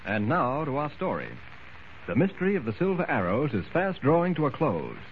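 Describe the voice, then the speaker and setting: A man narrates an old radio show with a lively, swooping pitch and dramatic storytelling. The sound is thin and phone-like, like an aged broadcast. A faint hiss runs underneath. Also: brisk.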